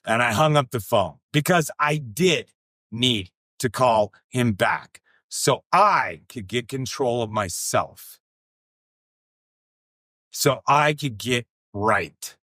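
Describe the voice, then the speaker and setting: A middle-aged man telling a personal story on a podcast, earnest and emphatic, repeating phrases with deliberate pauses and some swearing. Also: mid-range voice, lively intonation, a bit bright, no room sound, clean studio sound. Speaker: podcast speaker.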